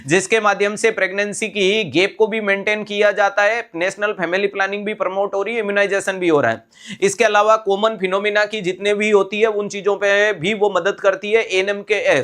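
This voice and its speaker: Sharp in tone and high in pitch, a man leads a live online nursing exam class. He explains each step, repeats the important terms, and checks in to confirm students are with him.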